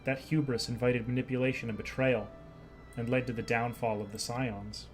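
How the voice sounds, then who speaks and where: A man's voice: mid-range voice, flat delivery, moderate pace, faint music behind, lightly acted, low-quality recording. A man reading aloud the lines of an earnest young male noble scholar from a game, in a plain voice with small stumbles.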